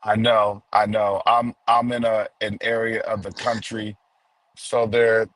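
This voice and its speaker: A man's voice: fairly low pitch, level tone, unhurried, fairly bright tone, no echo, poor audio. A man hosting a casual livestream on a video call from the countryside, his voice cutting in and out over a bad connection. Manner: casual, talks to the chat as family. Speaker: host. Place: rural area.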